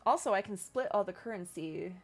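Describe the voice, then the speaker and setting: A woman's voice: mid-range voice, lively intonation, a little fast. A woman working as game master, casually narrating a tabletop game and chatting with players.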